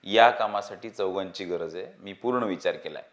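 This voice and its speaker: A man's voice: deep voice, normal speed, natural voice. A man reading the part of a cocky young man who plans the job, self-assured and lecturing. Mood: confident.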